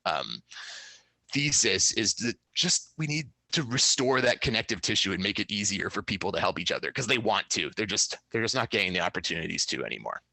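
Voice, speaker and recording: Bright-voiced man, loose and chatty. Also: fairly low pitch, expressive, a little fast, creaky, no room sound. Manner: thoughtful, loose, many fillers and restarts. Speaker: startup founder and guest. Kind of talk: casual interview talk.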